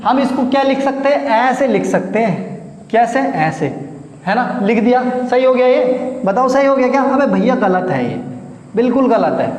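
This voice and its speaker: A man's voice: very high-pitched, darkish tone. A male math teacher giving a chatty, coaxing blackboard lesson, quizzing his students as he works. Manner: chatty, coaxing, asks the class questions. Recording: echoey room with faint noise.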